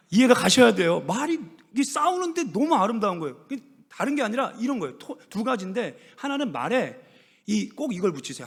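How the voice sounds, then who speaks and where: Animated Korean pastor preaching in a church. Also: male voice, sits high, creaky, husky. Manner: animated, humorous, acts out quoted dialogue. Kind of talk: sermon. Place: church sanctuary. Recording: long church reverb.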